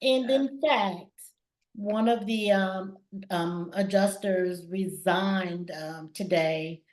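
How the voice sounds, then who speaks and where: A woman hosting an interview who is herself a claims adjuster, talking in lively, agreeing bursts. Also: medium pitch, slow pace. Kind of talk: interview conversation. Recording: echoey room.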